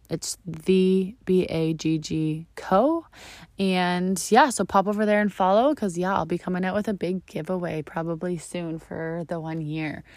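A woman's voice: on the low side, a little mellow, no room sound. Young woman, twenties, from Canada, solo podcast host, bubbly and chatty, morning voice, close and dry. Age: 20s. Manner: bubbly, chatty, lots of fillers. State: morning voice, just woke up. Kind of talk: casual solo podcast chat.

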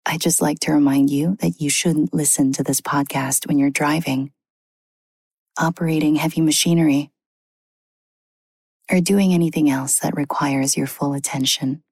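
A woman hosting a sleep podcast, talking in a soft, soothing whisper. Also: low-pitched, steady tone, moderate pace, breathy edge, dry recording, studio quality. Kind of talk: whispered ASMR sleep talk.

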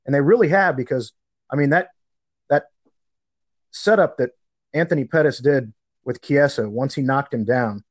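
A man's voice: mid-range voice, normal speed, pauses often. A man co-hosting a podcast, chatting casually and conversationally about fights. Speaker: podcast co-host. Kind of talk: casual sports chat.

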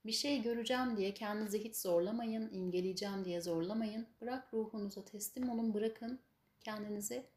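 A woman's voice: medium pitch, fairly quick, a little mellow. Echoey woman leading guided meditation. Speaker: spiritual healing session leader. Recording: echoey room, faint background noise.

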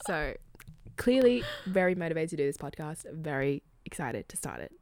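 A woman's voice: low voice, very animated, moderate pace, darkish tone, dry recording. Joking young Australian woman, dry close sound. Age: 20s. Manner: joking, self-deprecating, many fillers. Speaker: podcast co-host. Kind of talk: casual chat.

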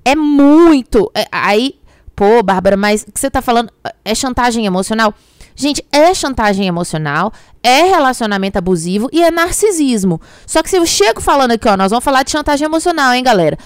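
Emphatic Brazilian woman, smooth bright voice. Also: a little high, brisk, no room sound, clean studio sound. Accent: Brazilian Portuguese. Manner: emphatic, expressive, keeps addressing the audience. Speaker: limiting-belief coach. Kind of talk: candid direct-to-camera relationship talk.

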